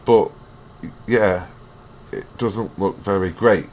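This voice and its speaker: A man's voice: low-pitched, steady tone, slow, a little mellow, a little hiss or hum. A man hosting a reaction video, mocking and swearing as he rants. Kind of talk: ranting reaction commentary.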